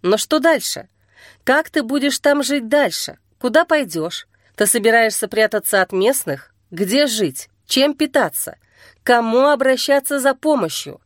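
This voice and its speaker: Gentle reassuring young man as a woman narrator puts him on, unhurried, high-ish voice. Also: no echo, clean studio sound. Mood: coaxing. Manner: slow, steady, gently coaxing. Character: calm young man soothing a frightened girl.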